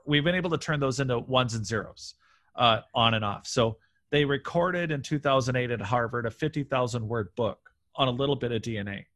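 A man chatting as a guest on a podcast, talking in a loose, animated ramble. He restarts his sentences often and jumps from one idea to the next. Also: medium pitch. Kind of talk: casual podcast chat. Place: room near a railway line.

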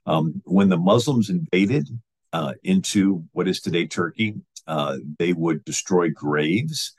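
A man's voice: sits low, takes it slowly, slightly rough. A man explaining church history in an informal storytelling manner, with frequent fillers and restarts. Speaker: history lecturer.

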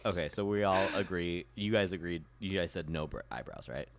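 Low-voiced young man, dry and joking. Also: brisk. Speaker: podcast co-host. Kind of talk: casual podcast chat.

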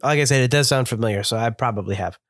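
A man's voice: mid-range voice, very fast, no room sound. A man chats eagerly about what he sees, his voice a little stuffed up from a cold. He sits in an ordinary mid range for a man and is recorded close with no room sound around him. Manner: chatty, descriptive, enthusiastic. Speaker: podcast co-host reviewing beer. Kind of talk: casual chat.

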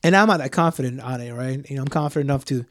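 A young man co-hosting a podcast, telling stories in a loose, profane, animated way with plenty of fillers. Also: medium pitch, racing, no echo, studio quality. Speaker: podcast co-host. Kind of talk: casual storytelling chat.

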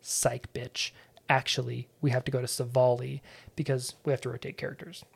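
A man hosting a podcast, recapping a game in a loose and sarcastic way. His voice is gravelly, with a fry at the ends of phrases, and sits at an ordinary middle pitch. He swears freely and wanders off on tangents. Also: little pitch movement, normal speed. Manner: profane, sarcastic and rambling. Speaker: podcast host.

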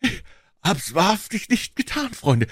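A man voicing a broken, weeping middle-aged drifter who is accused of murder and pleads in a high, strained voice. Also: sing-song, a little slow, a bit bright, slightly rough, no room sound, clean studio sound, heavily acted. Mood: pleading.

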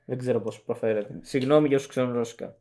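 A young man with a warm, medium-pitched voice co-hosts a podcast. He talks casually but analytically, laying out arguments one point at a time.

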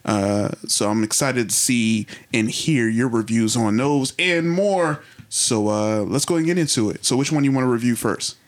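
A playful male podcast host who jokes and teases his co-host. His voice sits at a middle pitch for a man, and he keeps the banter lively and loose. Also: moderate pace, few pauses. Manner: playful, teasing, animated banter. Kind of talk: casual podcast chat.

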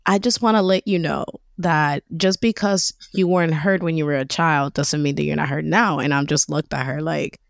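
A woman hosting a podcast in casual chat, laughing often and acting out quoted dialogue in a higher voice. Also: fairly even intonation, normal speed, creaky, hardly any pauses, no room sound, studio quality. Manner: laughs often between phrases. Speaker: podcast host.

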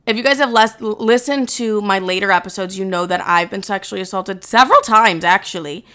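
A woman's voice: medium pitch, bright, forceful tone, smooth. A young adult woman hosting her own podcast, talking candidly and bluntly to listeners with frequent swearing. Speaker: podcast host. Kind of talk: casual chat to listeners.

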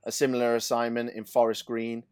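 A man from England co-hosting a betting podcast, laying out stats emphatically and dropping into quieter asides. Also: medium pitch, completely flat delivery, a little fast, smooth, dry recording, clean studio sound. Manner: emphatic, builds lists of stats, then drops to asides. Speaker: podcast co-host, betting tipster. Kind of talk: casual football betting chat.

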